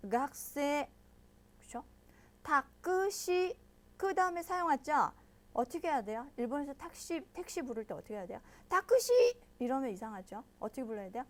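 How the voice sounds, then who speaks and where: Brief: bright high-pitched female teacher, patient, walks learners through each point. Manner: patient, explains step by step and checks in with listeners often; models pronunciation slowly and loudly. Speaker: Japanese language teacher. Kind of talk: online language lesson.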